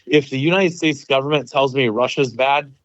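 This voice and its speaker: A man's voice: medium pitch, moderate pace, dry recording. Rambling, opinionated man, dry lo-fi sound. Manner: rambling opinionated talk with many fillers. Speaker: retired military veteran guest. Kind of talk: casual podcast conversation.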